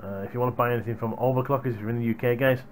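Rapid-fire and fairly even in intonation, a mid-range male voice belongs to a young adult hardware reviewer casually chatting with viewers. He's recorded indoors in a small home room on a gaming headset boom microphone, with a little hiss or hum.

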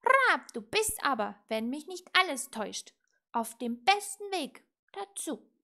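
A woman voicing a stern male raven who scolds his witch companion and croaks between his words in a storybook reading. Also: high-pitched, very animated, measured pace, sharp tone, pitched above the performer's own voice, full character voice. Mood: scolding.

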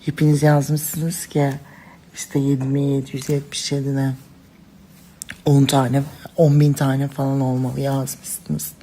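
A woman's voice: a bass voice, completely flat delivery, measured pace, warm tone, slight background noise. A woman talking to her followers in casual phone story clips, dramatic and gushing, calling them princesses and girls. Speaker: social media personality.

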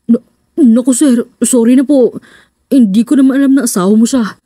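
A woman's voice: moderate pace, dark tone, no echo, clean studio sound, lightly acted. A woman voicing an effeminate, bossy male print-shop manager who scolds and then fawns, in an audiobook. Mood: fawning. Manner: shrill, scolding, then fawning.

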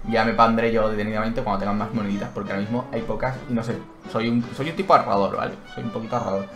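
Speaking very fast in a fairly low voice, an excitable man hosts his gaming channel's Let's Play commentary. He cries out when he gets hit, thinks out loud, and reads the menus aloud, all in an echoey room with game music underneath.

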